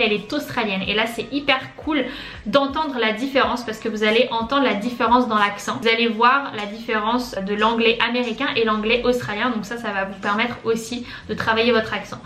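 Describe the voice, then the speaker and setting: A woman's voice: on the high side, pushed and bright. A young woman vlogger giving casual tips in a chatty, friendly way, with lots of fillers. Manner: chatty, many fillers, friendly "les amis". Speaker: YouTuber giving English-learning tips. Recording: echoey room with faint music. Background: faint background music.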